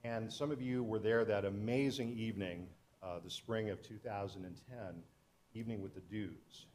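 A man's voice: fairly low pitch, fairly even intonation, moderate pace, darkish tone, a little hiss or hum. A middle-aged man, a historian and author, giving an earnest public talk to an audience, telling stories with frequent restarts.

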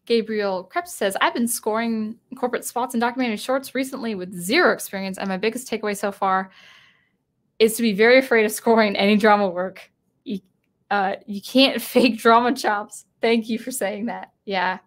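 A woman's voice: medium pitch, normal speed. A tired woman chatting casually on a live stream, reading chat and rambling through thoughts with many restarts. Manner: rambling, self-interrupting, chuckling.

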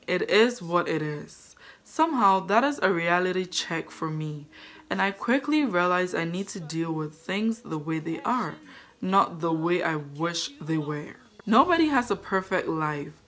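A young woman with a deep, low but fairly bright voice films herself up close in her bedroom, a tapestry on the wall, as a devotional vlogger. She reads a daily devotion aloud, then reflects on it earnestly and casually, using fillers like "like".

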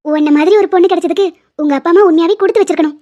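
A woman voicing a kindly, doting elderly grandmother in an animated series. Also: very high voice, rapid-fire. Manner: warm, doting, affectionate. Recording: dull lo-fi sound.

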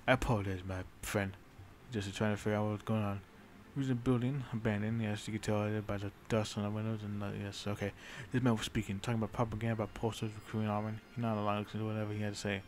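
A man streams a strategy game, narrating a grim in-character story in a brooding, dramatic tone. His voice sits fairly low, and he rambles and swears casually between beats. A faint hum of ambience sits behind him. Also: level tone, racing, hardly any pauses, a little mellow.

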